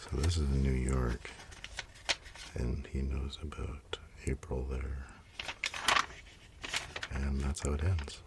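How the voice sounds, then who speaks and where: A man talking in a soft, half-whispered ASMR style close to the mic, musing in relaxed asides as he pages through a comic. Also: extremely low pitch, slow, gravelly, pauses often, very noisy. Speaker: ASMR creator. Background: pen and page sounds.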